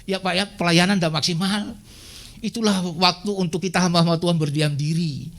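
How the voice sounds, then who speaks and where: A man preaching a sermon in a church, telling his own testimony, swinging between loud exhortation and hushed, tearful confession. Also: high voice, fairly even intonation, a little fast. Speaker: guest preacher. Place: church sanctuary.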